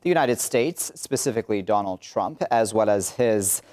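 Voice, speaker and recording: A man's voice: lowish voice, animated, moderate pace, a little mellow. A man hosting a news panel, introducing guests and putting questions to them, with frequent fillers and restarts. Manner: hesitant, many fillers and restarts. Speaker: news show host. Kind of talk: moderating a panel discussion.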